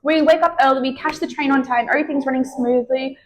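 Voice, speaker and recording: A young woman co-hosting a casual chat podcast, telling travel stories with animated, freely swearing energy. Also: sits high, fast talker. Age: young adult. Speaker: podcast co-host.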